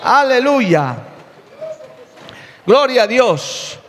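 A man pastor delivering a fervent sermon with an opening prayer, repeatedly addressing "hermano" and praising Jesus, drawing out key words slowly. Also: extremely high pitch, big pitch swings, big-room sound, some chatter behind, slight background noise. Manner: fervent preaching, repeats "hermano" and "alabado el nombre de Jesús"; draws out key words slowly, then rushes phrases. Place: church sanctuary with long reverb.

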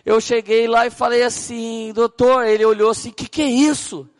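A Brazilian man preaching as a pastor, telling stories with animated acted-out dialogue. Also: extremely high pitch, normal speed. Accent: Brazilian Portuguese. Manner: animated storytelling, acting out dialogue. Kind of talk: sermon.

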